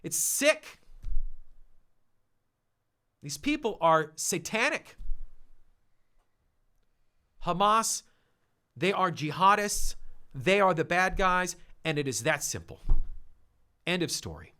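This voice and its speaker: A man's voice: sits high, big pitch swings, slow pace, pauses often, sharp tone. A man hosting his own opinion show, delivering emphatic, indignant commentary with punchy repetition. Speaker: show host.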